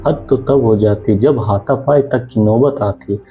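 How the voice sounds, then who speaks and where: A man's voice: mid-range voice, normal speed, muffled recording. A man telling a true crime story in a casual, spoken way, often repeating and rephrasing himself as he goes.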